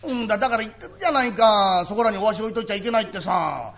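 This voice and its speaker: A man's voice: high voice, lively intonation, very fast, vocal fry, a bit bright, heavily acted. A man voicing a nagging mother who scolds her husband, in a live comic storytelling performance. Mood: chiding. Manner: chiding, nagging. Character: sharp-tongued scolding mother. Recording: dull live recording with audience laughter.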